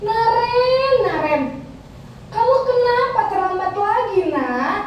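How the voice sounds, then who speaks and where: A woman's voice: expressive, slow, a little hiss or hum, full character voice. A woman playing a stern female schoolteacher who scolds and nags a late pupil, in an echoey room far from the mic. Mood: guilt-tripping. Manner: shrill, scolding, nagging.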